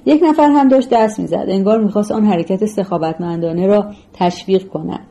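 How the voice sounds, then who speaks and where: Dark-voiced woman narrating a novel. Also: mid-range voice, rough recording. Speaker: audiobook narrator. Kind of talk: scripted literary narration.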